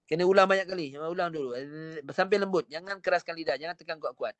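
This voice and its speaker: With a slightly high voice and a quick pace, a Malaysian Malay-accented man teaches Quran recitation online via video call. He patiently repeats short drills and corrections, and there is no room sound.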